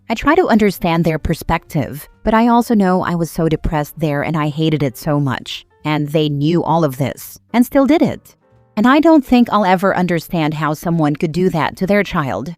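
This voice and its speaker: Woman reading posts, low dry voice. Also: darkish tone, no echo. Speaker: narrator. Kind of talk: reading Reddit posts and comments aloud. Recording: dry voice with faint background music.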